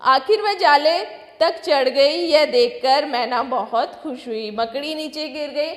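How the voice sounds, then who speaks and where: A woman's voice: high-pitched, takes it slowly, a bit bright. A woman primary school teacher giving a recorded class lesson, sounding out syllables one by one and asking children questions she answers herself. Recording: echoey room with long reverb.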